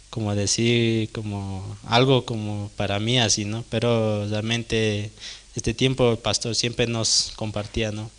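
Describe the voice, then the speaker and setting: A man's voice: lowish voice, bright, forceful tone. A young man giving a personal testimony at a prayer service, hesitant and tagging nearly every phrase with a question. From Bolivia. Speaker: church member giving testimony.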